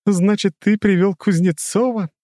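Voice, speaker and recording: A man's voice: steady tone, measured pace, dark tone, no room sound, studio quality. A man voicing an amused, commanding woman who runs a crime ring, in a raised put-on voice. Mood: imperious. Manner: mocking, imperious, high put-on voice.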